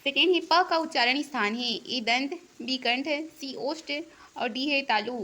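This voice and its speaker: A woman teaching an exam-prep lesson, reading each definition aloud in a slow, even teaching cadence. Her voice sits a little high and sounds bright and clear. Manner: reads definitions in a steady, deliberate teaching cadence.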